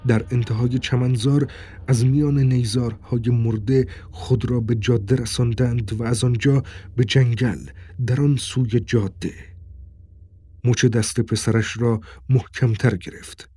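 A man narrating an audiobook in a steady, tense storytelling voice. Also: medium pitch, breathy edge. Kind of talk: scripted narration.

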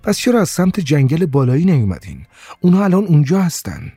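A man voicing a gentle, shy blind woman who speaks softly and hesitantly, stammering at times. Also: on the high side, big pitch swings, husky, no echo, soft background music, pitched above the performer's own voice, full character voice. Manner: soft, hesitant, stammers when upset.

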